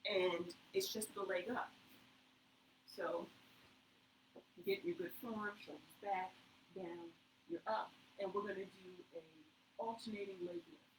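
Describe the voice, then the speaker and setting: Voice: medium pitch, slight background noise, low-quality recording. A fitness instructor talking casually through plank variations step by step, encouraging and reassuring the viewer. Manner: chatty, talks through each move step by step.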